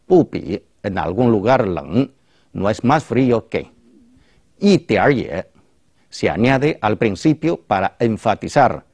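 A male host teaching a language lesson, explaining each phrase clearly. His pitch moves a lot as he talks, and the voice sounds close and dry with no room echo. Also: a little mellow. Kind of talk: explaining Chinese to a Spanish-speaking audience.

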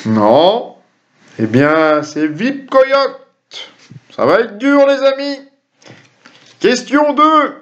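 Reading quiz questions to camera from a small room at home, this middle-aged host speaks slowly in a high, sing-song, slightly bright voice, tossing jokey, chatty asides to viewers. A webcam or computer mic at his desk gives dull, lo-fi sound.

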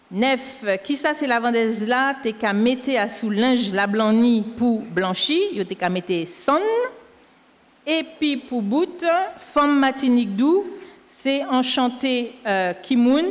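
A woman with a Martinican Creole accent, a teacher patiently explaining spelling rules and spelling words out letter by letter. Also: a little high. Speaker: language teacher correcting a dictation. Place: school canteen hall. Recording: echoey hall.

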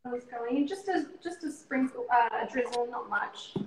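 A woman's voice: on the high side, moderate pace. Woman narrating her cooking step by step. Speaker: cooking show co-host. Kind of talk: casual cooking demonstration. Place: home kitchen, indoors. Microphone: video call, laptop or phone camera. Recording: echoey kitchen with faint background noise.

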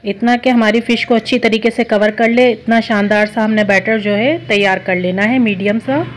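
A woman hosting a home cooking video, explaining each step of a recipe in a steady, instructive way. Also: on the high side, moderate pace, slight background noise. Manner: steady, instructive, repeats steps. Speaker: cooking show host. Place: home kitchen.

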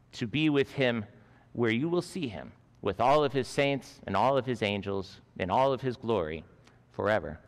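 A man in his forties delivers a school chapel sermon in an earnest storytelling manner, on a headset mic. His voice sits at an ordinary middle pitch. It rings out with the long reverb of a large chapel. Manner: earnest storytelling, gesturing with both hands. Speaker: school chaplain preaching. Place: school chapel stage with a lectern.

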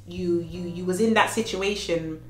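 Recording a vlog at home, a woman in her thirties offers earnest motivational life lessons despite a slight cold, repeating phrases to stress them. Her voice sits on the low side at a moderate pace, amid room echo, faint music, and a child playing in the next room.

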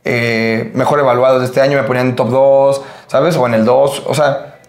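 A young man with a Mexican accent, a podcast guest telling a story in a casual, lively way, full of filler tags. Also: mid-range voice, moderate pace, echoey room. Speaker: podcast guest, American football player.

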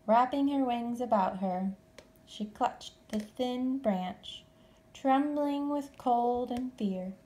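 A woman reading a children's story aloud expressively, with deliberate, dramatic phrasing. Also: on the high side, warm tone, low-quality recording. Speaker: storybook reader.

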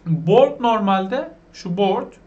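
A man with a Turkish accent teaching beginners English vocabulary, asking questions and repeating each word slowly. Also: sits high, expressive, darkish tone, lo-fi sound. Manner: asks the viewers questions, repeats the words slowly.

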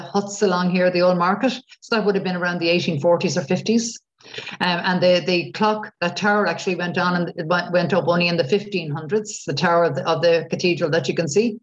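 A middle-aged Irish woman gives an informal guided-tour talk, chatty and rambling with hesitations, over a video call. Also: on the low side. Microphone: computer mic on video call. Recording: muffled video-call audio.

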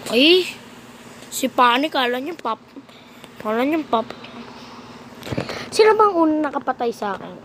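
Playful high-voiced woman gaming. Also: sing-song, measured pace, long pauses. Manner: playful, teasing, bursts of shouting and laughter. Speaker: gaming vlogger. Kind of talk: casual mobile game commentary. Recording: noisy background.

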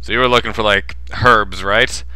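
Man voicing a bright, dramatic young student adventurer. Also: fairly low pitch, normal speed, no room sound, low-quality recording. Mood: cautious. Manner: expressive, dramatic, casual. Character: eager, easily flustered young male student adventurer. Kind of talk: acted video game dialogue reading.

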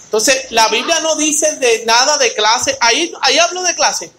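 High, bright-voiced man teaching scripture. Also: unhurried, poor audio. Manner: reads scripture aloud, then explains it with rhetorical questions; addresses listeners by name in a conversational way. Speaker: Bible study teacher. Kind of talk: teaching a Bible study.

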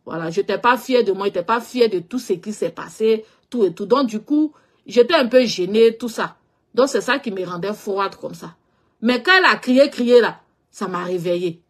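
A woman's voice: mid-range voice, normal speed. A woman with a West African French accent, frankly telling a personal story in a loose, repetitive way, often trailing off with filler phrases. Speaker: social media personality. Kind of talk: casual storytelling monologue.

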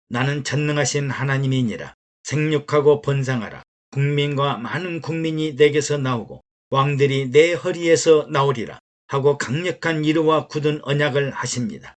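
A man, a pastor, reading a sermon that retells stories, in a measured, steady way. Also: medium pitch. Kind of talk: read sermon narration.

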